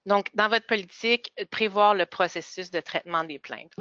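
A woman giving a webinar presentation, speaking in a measured way with frequent hesitations. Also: mid-range voice, bright, forceful tone, dry recording. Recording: dull, lo-fi webinar audio.

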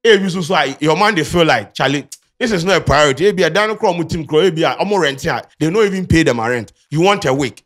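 Ghanaian guy, animated swoopy voice, slightly high, teasing. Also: fast. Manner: teasing, expressive. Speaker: show host. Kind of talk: casual reaction chat.

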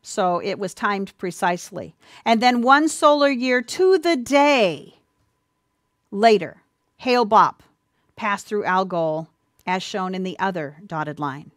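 A woman giving an earnest, sermon-style Bible teaching, speaking warmly to listeners as dear ones, with a few ums and restarts. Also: medium pitch, lively intonation, takes it slowly, no echo, clean studio sound. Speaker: presenter of a church teaching.

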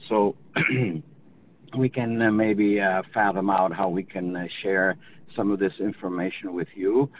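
A man's voice: sits low, steady tone, measured pace. Older man on a phone line. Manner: explains at length, with many restarts. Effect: heard over the phone. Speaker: industry representative in a webinar. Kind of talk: unscripted webinar discussion. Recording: tinny phone line, faint noise.

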